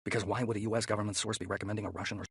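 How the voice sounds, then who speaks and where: Guy reading a thriller audiobook, husky low voice, dry close mic. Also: level tone, racing, dry recording. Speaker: audiobook narrator. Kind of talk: scripted thriller narration.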